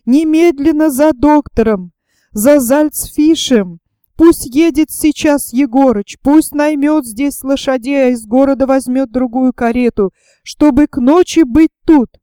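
A woman's voice: high voice, unhurried, dark tone, no room sound, clean studio sound. A woman reading as an imperious older noblewoman. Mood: commanding. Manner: commanding, fierce, hissing whispers.

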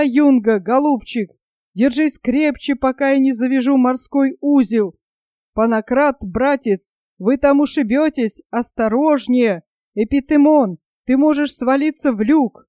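A reader voicing a bold, gruff monk who curses and shouts orders during a storm. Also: high voice, no echo, studio quality. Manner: shouting, cursing, commanding.

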